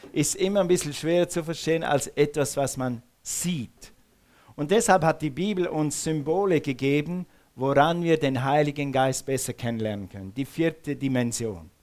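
A man's voice: fairly high pitch, darkish tone. A male pastor preaching a sermon in a church hall, calling on the congregation to repeat words back to him. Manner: engages the congregation with call-and-response; uses some Swiss words.

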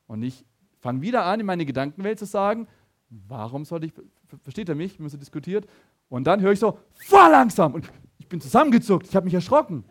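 A man preaching a sermon, telling a personal story with animated stammering restarts and talking straight to his listeners. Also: sits high, fast. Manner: animated, stammering restarts, addresses the audience directly.

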